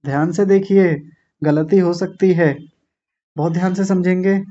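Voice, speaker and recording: Patient man drilling pronunciation slowly. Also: high-pitched, fairly even intonation, dark tone, dull audio. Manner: repeats words slowly, syllable by syllable, with corrective asides. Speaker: Sanskrit pronunciation teacher. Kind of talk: slow patient classroom instruction.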